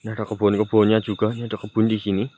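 A man's voice: on the low side, completely flat delivery, rapid-fire, warm tone, a little hiss or hum. A man with a Banyumas Javanese accent, chatting to viewers on a night-time ghost-hunting live stream outdoors. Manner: chatty, addresses viewers, teasing sing-song calls to a ghost. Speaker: live-stream mystery vlogger. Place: outdoors at night near a graveyard. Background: crickets and insects.

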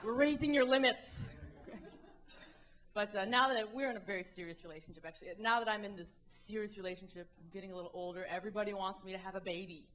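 A woman in her thirties with Midwestern roots does animated, wry stand-up on an indoor comedy club stage using a handheld mic. She talks fast in a mid-range voice, acting out the voices of people she quotes.

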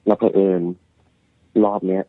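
A man's voice: unhurried, no room sound. A man calling in to a radio show and casually telling a ghost story he heard from someone else, sometimes acting out frightened voices. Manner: acts out frightened voices in quotes. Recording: tinny phone line.

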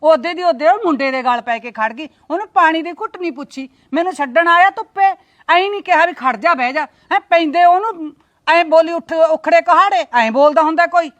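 In a Punjabi short drama, an actress plays a sharp-tongued, middle-aged aunt on a visit, complaining and scolding indignantly. Her very high voice is brisk, and the recording's highs are cut off.

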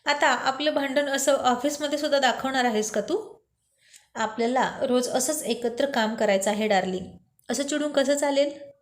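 A woman reading a teasing young boss, high and light. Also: lightly acted. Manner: playful, coaxing lines read slowly. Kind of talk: storybook reading.

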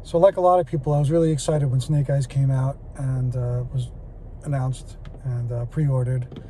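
It's a rough recording, slightly noisy, of a man in his forties chatting about a toy from inside his parked car. He talks at a moderate pace in a mid-range voice, laid-back and filler-laden, with the phone camera held at arm's length.

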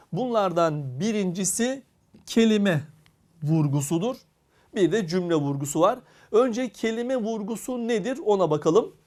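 Unhurried teacher voice, grammar lesson, drags out the example words, talks right to the students. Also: medium pitch, a little mellow. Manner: deliberate, drawn-out reading of example words; addresses the class directly.

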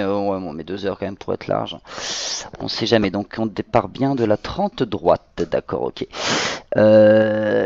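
A man's voice: fairly low pitch, vocal fry, darkish tone, dry recording, muffled recording. A man chatting casually as he plays a flight simulator as pilot, hesitant and repeating words while thinking aloud. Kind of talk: casual chat while playing.

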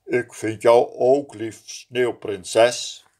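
A man voicing a soft-spoken melting snowman. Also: mid-range voice, fairly even intonation, extremely slow. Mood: tender. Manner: soft, hushed and tender. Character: gentle male snowman, slowly melting.

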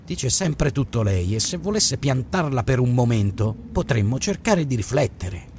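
A man voicing a blunt, dry old bar owner who talks low and curt. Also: big pitch swings, moderate pace, darkish tone, a little hiss or hum, close to an everyday voice.

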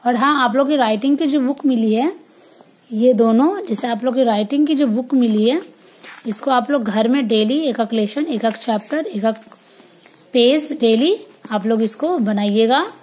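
Woman teacher drilling letters, high voice. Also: darkish tone. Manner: slow, sing-song drilling of letters and words. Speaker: kindergarten teacher. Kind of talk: online class lesson for young children.

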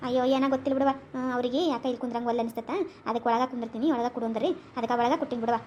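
A woman as a rapid-fire fussing village aunty. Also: a little high, level tone, a little mellow, a little hiss or hum, lightly acted. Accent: North Karnataka. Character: chatty village aunty, eager hostess. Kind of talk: cartoon comedy voice acting.

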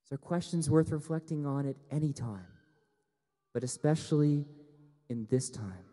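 A man's voice: a little high, normal speed, mellow. A young man, a priest, preaching an earnest sermon at a lectern, speaking into a headset mic. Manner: earnest, gesturing, rising to emphatic appeals. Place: church sanctuary at a lectern, indoors. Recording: long church reverb.

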